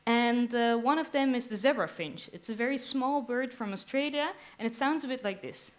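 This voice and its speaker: A woman's voice: a little high, normal speed. Upbeat young woman giving a science talk. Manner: enthusiastic, with playful quoted asides. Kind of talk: lively explanatory stage talk. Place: live stage at a theater venue.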